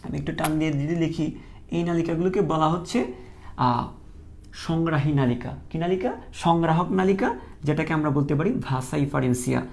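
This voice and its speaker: Gravelly male teacher drilling key terms. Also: on the high side, darkish tone. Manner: repeats key terms as questions, drilling students. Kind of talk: online lecture.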